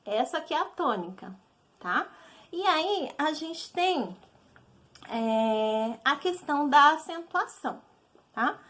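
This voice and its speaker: A woman's voice: high-pitched, expressive, slow pace, long pauses, fairly bright tone. A woman teacher with a Brazilian Portuguese accent, patiently explaining a recorded lesson to children and checking in often.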